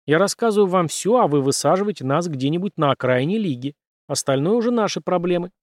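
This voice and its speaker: A man's voice: sits high, animated, quick pace, no room sound, pitched above the performer's own voice. A man voicing a captured male officer who answers in a curt, guarded way.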